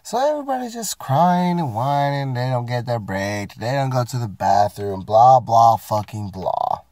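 A man rants to camera from inside his parked car about his work week while coming down with something, swearing, rambling, and poking fun at himself. He has a medium-pitched, darkish voice, animated at a normal speed, with no room sound.

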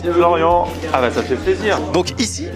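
A man's voice: high voice, animated, moderate pace, music in the background. A man in his thirties hosting a casual food vlog, eagerly exclaiming over dishes in a restaurant. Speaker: food vlogger host. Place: busy restaurant.

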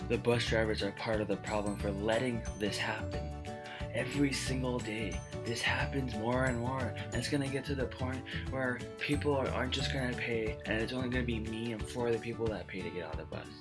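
A man's voice: mid-range voice, fairly even intonation, brisk, loud music behind the voice. A man in his twenties giving a blunt, aggrieved, sweary casual rant to camera. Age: 20s. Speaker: vlogger. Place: small indoor home room.

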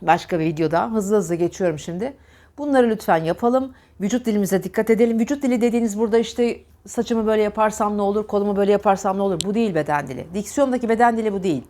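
A woman's voice: medium pitch, racing, mellow. A woman diction teacher giving an earnest, emphatic lesson to camera. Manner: earnest, emphatic, scolding repetition.

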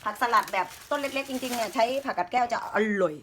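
A woman's voice: fairly high pitch, fast talker, a bit bright, slight background noise. A woman hosting a casual home cooking video, chatting and explaining as she prepares a salad.

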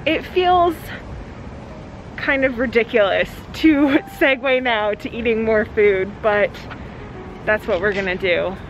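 A woman's voice: fairly high pitch, takes it slowly, a little hiss or hum, rough recording. Young woman vlogging through a face mask. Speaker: food vlogger. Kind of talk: casual travel vlog narration. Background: loud music.

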